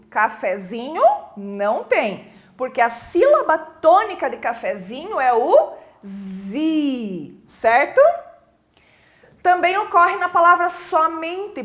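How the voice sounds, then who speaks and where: A Brazilian woman gives a recorded lesson in a high, animated voice. She takes her time and points to examples on the board as she goes. Her distance from the microphone shifts now and then. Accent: Brazilian Portuguese. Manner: explains slowly, asks "certo?" after each point and points at examples on the board. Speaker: teacher.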